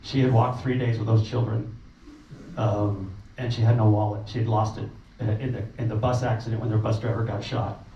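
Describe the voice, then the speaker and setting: Man, relief volunteer, emotional halting storyteller, muffled distant room recording. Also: on the low side, little pitch movement. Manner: halting, with many restarts. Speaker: relief volunteer recounting a trip. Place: meeting room. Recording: roomy, distant, muffled, faint noise.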